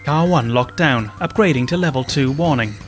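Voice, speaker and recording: A formal train public address announcer, read by a man who states alerts in a measured newsreader manner. His pitch stays in an ordinary middle range. Faint game music sits behind the reading. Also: lightly acted.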